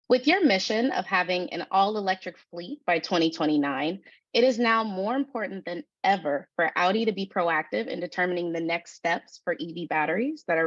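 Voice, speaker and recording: A woman's voice: on the low side, no echo, lo-fi sound. A young woman giving a rehearsed business presentation as a student consultant.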